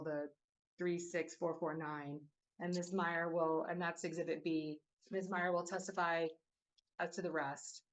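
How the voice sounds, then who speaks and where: A woman giving a formal hearing presentation, careful and hesitant, reading figures with many fillers. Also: fairly low pitch.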